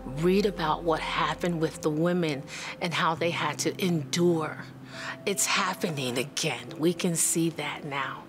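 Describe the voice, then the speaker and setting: A middle-aged woman speaking firmly and deliberately in an interview. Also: low voice, music in the background. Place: indoor theater seating.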